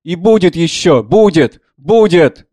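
Gruff, blustering old general-doctor in a read play, sharp mocking jabs, voiced by a man, on the high side, dry close sound. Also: expressive, slow pace, no echo. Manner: blustering, mocking, shouts out bursts. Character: gruff, sardonic older male doctor, a general.

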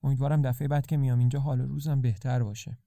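A man's voice: medium pitch, flat delivery, mellow, no echo, studio quality, natural voice. A man doing an earnest, weary young traveler. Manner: hesitant, earnest, apologetic.

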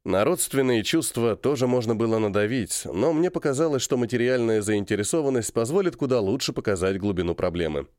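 Man, first-person audiobook narration, expressive, lively intonation, dry close sound. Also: mid-range voice, a little fast, few pauses, dry recording.

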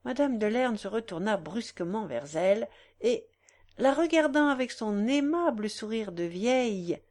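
A woman narrates a classic novel in an unhurried, expressive manner. Her voice sits fairly high and moves widely in pitch, and she takes her time over every clause. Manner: measured, expressive storytelling. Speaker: audiobook narrator. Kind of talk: novel reading.

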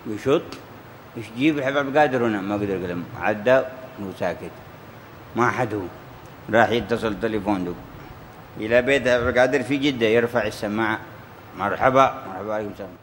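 A man's voice: on the low side, fast, pauses often, slight background noise. Man teaching a sermon in a hall. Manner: storytelling with quoted voices, rising and falling emphasis. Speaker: religious teacher. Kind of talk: sermon-style commentary on a classical text. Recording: echoey hall with faint ambience.

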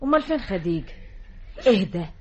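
A woman's voice: mid-range voice, very animated, fast, warm tone, a little hiss or hum, lightly acted. An actress playing a kind but firm wealthy village lady with an Egyptian accent in a radio drama. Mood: firm kindly. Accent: Egyptian Arabic.

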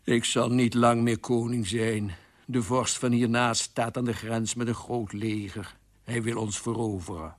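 A man voicing a tearful, soft-hearted young king who talks slowly and mournfully. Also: medium pitch, lively intonation.

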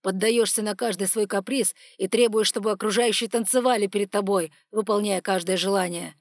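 A woman voicing a stern, furious male dragon bodyguard in an audiobook, speaking loud and clipped through gritted teeth. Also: mid-range voice, a little slow, slightly rough, no room sound, clean studio sound. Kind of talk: audiobook character voice.

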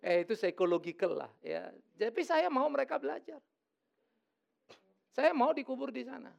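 Male pastor, middle-aged, gravelly voice, lively swinging pitch, joking sermon in church. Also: normal speed, lo-fi sound.

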